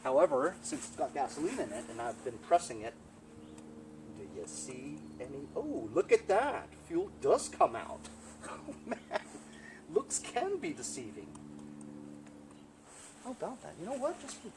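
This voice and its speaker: A man's voice: on the high side, huge pitch swings, a little slow, creaky, long pauses. A middle-aged man hosting a casual repair video in a sunny backyard, explaining each step in a chatty way and often asking "right?". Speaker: small-engine repair video host. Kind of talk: casual hands-on repair walkthrough. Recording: outdoor background noise.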